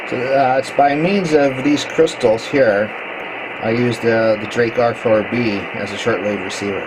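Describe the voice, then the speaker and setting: Holding a camera, a man shows off his ham radio setup in a casual walkthrough, his mid-range voice describing the gear plainly and with some hesitation. The handheld camera mic picks up clearly noisy audio.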